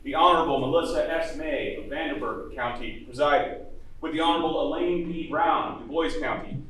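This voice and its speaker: A man loudly and formally calling a court to order as a crier, in the ceremonial proclaiming manner of a royal herald. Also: fairly high pitch, brisk. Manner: formal, loud, declaiming call to order. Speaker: court crier opening a session. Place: large echoing courtroom, picked up from afar. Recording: echoey room, distant mic, noisy.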